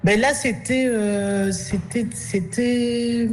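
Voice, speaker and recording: A woman's voice: fairly high pitch, steady tone, drawn-out words. Hesitant woman with frequent fillers. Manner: hesitant, many fillers and restarts; laughs softly between thoughts. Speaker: artist and actress, interview guest. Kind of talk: conversational interview answers.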